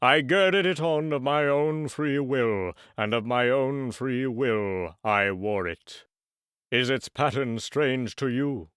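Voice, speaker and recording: A man voicing a mournful old male ghost bound in chains, speaking slowly and gravely. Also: medium pitch, a bit bright, no room sound, studio quality. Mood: doleful. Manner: slow, drawn-out and grave.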